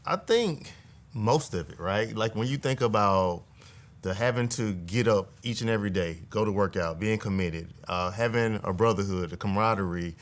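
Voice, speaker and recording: Earnest man, lowish voice, conversational. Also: moderate pace. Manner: earnest, reflective, tag questions. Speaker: state legislator. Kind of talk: casual conversation.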